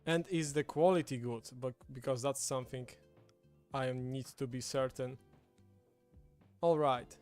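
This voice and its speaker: With a mid-range, slightly mellow voice, this man keeps a steady tone, talks a little slowly, and pauses often. He's a native Polish speaker from Poland with a Polish accent, casually chatting as he hosts a livestream indoors at a table with a streaming setup. Background music can be heard.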